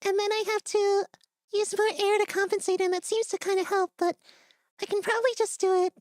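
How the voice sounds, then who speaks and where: A woman's voice: very high-pitched, little pitch movement, fairly quick, no room sound, studio quality. A woman on a live stream walking through vocal technique step by step, giggly and casual as she explains. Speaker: guest voice coach. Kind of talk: casual voice-training demo on stream.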